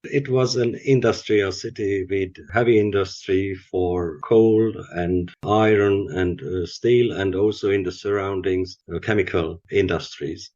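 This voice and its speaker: An older man with a Hungarian accent speaks in a low voice and stops often on filler sounds. The audio is muffled and lo-fi. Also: fairly even intonation, a little mellow. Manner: halting, many filler pauses. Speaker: chemistry professor guest. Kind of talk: podcast interview.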